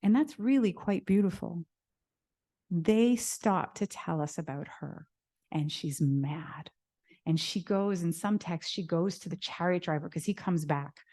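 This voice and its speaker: A woman lecturer with a lowish, mellow voice tells an old story to an audience. She is animated and dramatic, leaning into the emotional moments of the tale. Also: normal speed. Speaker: guest lecturer.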